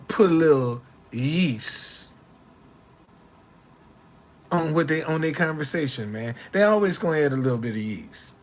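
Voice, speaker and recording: A man in his late sixties speaks casually to the camera with a slangy street swagger, repeating himself in lively, indignant comebacks. His voice sits fairly high.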